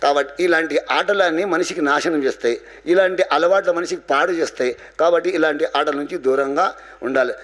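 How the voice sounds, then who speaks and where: A man's voice: fairly high pitch, brisk, a bit bright. A man with a Telangana accent, preaching a devotional sermon in an earnest, exhorting way that uses rhetorical questions. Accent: Telangana Telugu. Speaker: kirtan preacher.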